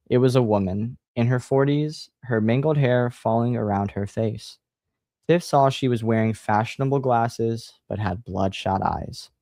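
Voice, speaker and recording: A man hosting a livestream, chatting casually and reading a horror book aloud in a relaxed, sighing manner. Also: mid-range voice, no room sound, clean studio sound. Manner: relaxed, sighing, laid-back.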